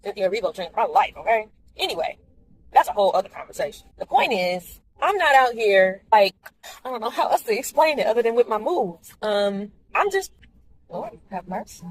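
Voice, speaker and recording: A woman's voice: on the high side, a little fast, low-quality recording. A woman talking candidly to viewers in a casual vlog while driving in the rain. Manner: chatty, candid, animated asides to viewers. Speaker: vlogger.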